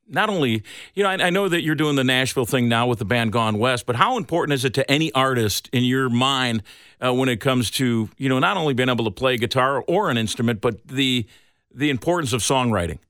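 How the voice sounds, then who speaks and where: A man's voice: medium pitch, a little fast, a bit bright, dry recording, studio quality. Rambling enthusiastic male interviewer. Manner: enthusiastic, rambling, restarts his questions. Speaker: interviewer host. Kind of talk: casual interview.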